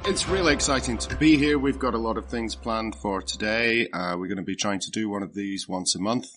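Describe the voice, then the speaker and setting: A man's voice: fairly low pitch, brisk, over music. A man presenting a comedy podcast in a chatty, partly scripted way.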